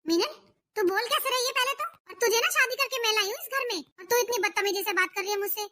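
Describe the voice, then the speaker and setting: A woman's voice: extremely high pitch, fast talker, sharp tone. A woman playing a young wife and elder daughter-in-law who complains and reproaches her husband in a family drama skit. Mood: offended.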